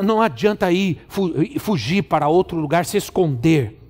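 A man's voice: on the high side, a little mellow. A middle-aged man with a Brazilian Portuguese accent preaching a sermon as a pastor, drawing out and repeating his phrases for emphasis. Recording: long hall reverb.

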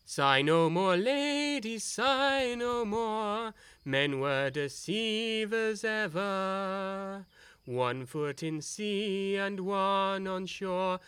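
An actor playing a modest court singer who sings a ballad and brushes off praise. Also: male voice, on the high side, dry recording. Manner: sings a ballad, speaks in quick self-deprecating bursts. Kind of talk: stage play with song.

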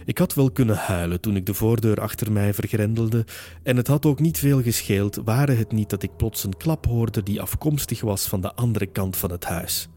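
Man reading a story aloud, measured pace, warm dark tone. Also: on the low side. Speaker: audiobook narrator. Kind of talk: first-person scripted narration.

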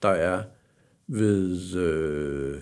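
An older man tells an anecdote in a low, gravelly voice. He halts often with fillers and slips into the voices of the people in his story. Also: a little mellow. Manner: anecdotal, halting with many fillers, acts out quoted dialogue. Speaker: former racing driver. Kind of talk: casual storytelling.

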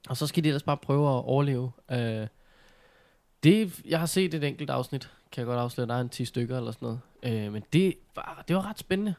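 A man speaks in a middle register, chatting casually as a co-host. He tells things in an animated, informal way, with mild slang thrown in. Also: medium pitch. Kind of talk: casual chat.

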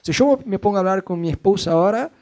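A middle-aged man with a Rioplatense accent gives a casual sermon. His voice sits high for a man. He talks in a chatty, joking way and mimics the people in his stories. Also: expressive, quick pace, darkish tone. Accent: Rioplatense Spanish. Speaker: pastor.

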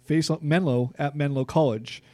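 Relaxed Californian man reading football stats. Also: on the high side, moderate pace, no echo. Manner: reads stats, relaxed and conversational. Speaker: sports podcast co-host. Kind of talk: casual sports chat.

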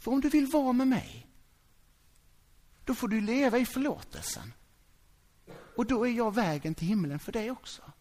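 Lively conversational preacher. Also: medium pitch, long pauses. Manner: conversational, asks the congregation if they follow; animated, acts out quoted voices. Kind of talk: sermon.

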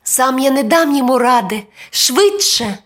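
A woman's voice: big pitch swings, measured pace. A woman voicing a sweet, eager little girl angel in a children's storybook. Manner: high, eager and bright.

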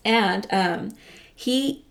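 A woman's voice: mid-range voice, very slow. Woman chatting to her listeners, swears a ton, rambly and casual, keeps saying you guys. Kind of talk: casual motivational chat.

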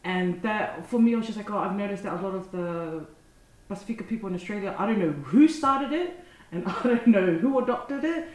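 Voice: medium pitch, brisk, echoey room, a little hiss or hum, rough recording. Laughing young New co-host. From New Zealand. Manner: laughs often, animated storytelling. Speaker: podcast co-host. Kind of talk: casual chat.

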